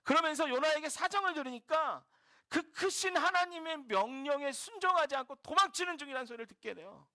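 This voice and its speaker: A male pastor giving a sermon as vivid, expressive storytelling. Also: very high-pitched, fairly quick.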